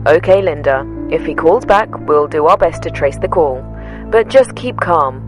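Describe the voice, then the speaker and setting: A woman doing a calm, soothing police dispatcher. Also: low voice, normal speed, over music. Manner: soothing, matter-of-fact.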